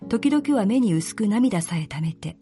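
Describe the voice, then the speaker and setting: Calm woman reading a story. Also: medium pitch, a little slow. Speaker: narrator. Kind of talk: literary reading.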